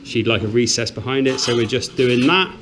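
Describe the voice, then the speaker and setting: A man's voice: mid-range voice, a little fast, noisy background. A middle-aged man, chatting casually with dry sarcasm while filming a house renovation. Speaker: renovation vlogger. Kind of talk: casual vlog narration. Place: house under renovation, indoors.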